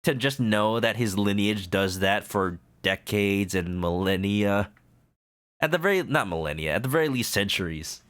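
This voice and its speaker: A man's voice: on the low side, moderate pace. A man streaming a video game with casual, joking commentary, playful in manner, with game music behind. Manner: playful, animated.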